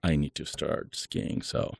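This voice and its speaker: A man from Chile in his thirties, a guest talking in a relaxed, chatty way with many fillers. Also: unhurried, dry recording, studio quality. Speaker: guest, solar company founder. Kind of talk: casual interview talk.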